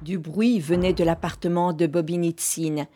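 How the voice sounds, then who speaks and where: A woman giving measured, composed scripted narration of a literary drama. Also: on the low side, steady tone, mellow, a little hiss or hum.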